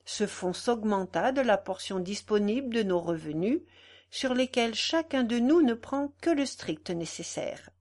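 A woman reading the lines of a gentle, devout old man in an audiobook, earnest and measured. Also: on the high side, animated. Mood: solemn.

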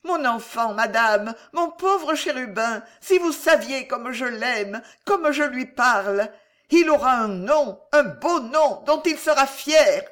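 A woman's voice: high voice, expressive, slow, a bit bright, heavily acted. A woman voicing a frantic, half-mad young woman. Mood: tender pleading. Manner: breathless, imploring, rising to cries. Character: distraught mad young woman, fearful and pleading. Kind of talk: audiobook reading.

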